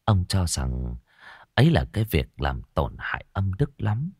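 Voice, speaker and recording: Low-voiced man narrating a ghost story. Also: huge pitch swings, measured pace, darkish tone, slightly rough, no room sound, studio quality.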